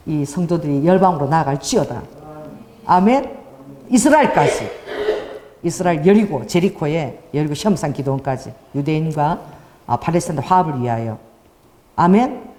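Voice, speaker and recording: A woman's voice: deep voice, animated, moderate pace, long pauses, mellow, a little hiss or hum. A woman pastor preaching a sermon and telling a story with animation, often asking the congregation for an amen. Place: church worship hall. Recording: long hall reverb.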